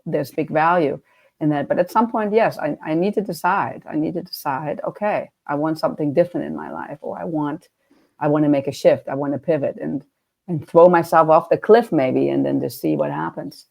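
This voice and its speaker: A woman's voice: deep voice, brisk, creaky, darkish tone. A woman with a German accent hosting a casual interview, chatty and often restarting her sentences. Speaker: podcast host and coach.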